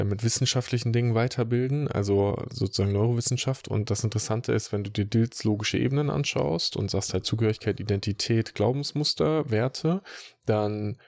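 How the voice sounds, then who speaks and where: A man's voice: on the low side, a little mellow, no room sound. A man who works as an emotion coach, talking casually and explaining ideas in a long monologue. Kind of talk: casual podcast talk.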